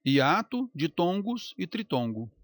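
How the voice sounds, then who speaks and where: Lively teacher drawing out words. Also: male voice, high-pitched, no room sound, studio quality. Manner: lively, stretches out example words slowly. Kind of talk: recorded grammar lecture.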